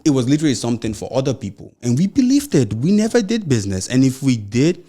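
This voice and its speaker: With a warm, medium-pitched voice, fast delivery, and big swings in pitch, this young adult podcast host offers solo motivational talk. He has a Nigerian accent and a mild stammer, sounding earnest and encouraging as his sentences run on, peppered with "you know."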